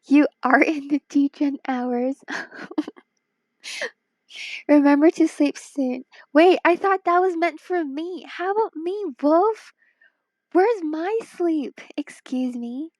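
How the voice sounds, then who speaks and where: On a late-night live stream, a woman from Hong Kong chats casually while drawing, her high voice slow, darkish, tired, and worn. She's playful and teasing, now and then dropping to a whisper. There's no room sound in the recording.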